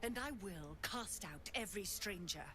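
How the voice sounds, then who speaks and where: A woman's voice: medium pitch, expressive, moderate pace, bright, forceful tone, soft background music. A woman playing a haughty, merciless druid leader in a video game, commanding and theatrical in her threats. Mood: contemptuous, menacing. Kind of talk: dramatic video game acting.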